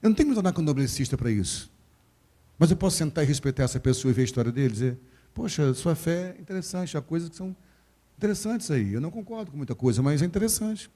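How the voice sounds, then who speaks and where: A male pastor with a Rio de Janeiro Brazilian accent preaches to his congregation. His voice sits a little high for a man. He talks in an animated way, putting on quoted voices and joking with the people listening. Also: fast. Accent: Brazilian Portuguese, Rio de Janeiro. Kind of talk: sermon. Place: church service.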